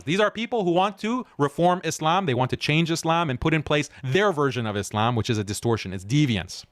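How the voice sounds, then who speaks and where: A man's voice: fairly high pitch, no room sound, studio quality. A man giving live-stream commentary, mocking and scornful, laughing often as he reacts. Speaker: online commentator.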